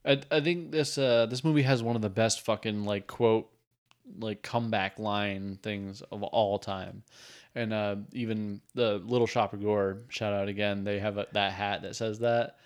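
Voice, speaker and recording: A man's voice: on the low side, steady tone, a little slow. A man co-hosting a casual movie podcast, laid-back and profane, often mimicking film characters. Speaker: podcast co-host.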